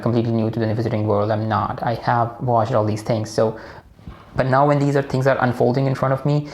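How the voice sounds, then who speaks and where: A man's voice: medium pitch, vocal fry, darkish tone. A man with a Pakistani accent hosting a casual personal book analysis, rambling with many fillers and restarts. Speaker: book discussion host.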